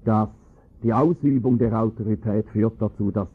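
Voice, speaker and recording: A man preaching a sermon, explaining scripture with emphatic, rising stress on key points and a husky voice. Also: fairly low pitch, moderate pace. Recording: tinny phone-like lo-fi recording.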